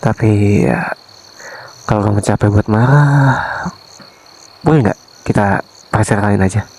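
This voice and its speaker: A man voicing a remorseful young husband softly pleading with his wife, in a whispered role-play that sprinkles in English phrases. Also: on the low side, a little slow, a little hiss or hum, low-quality recording. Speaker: ASMR voice actor.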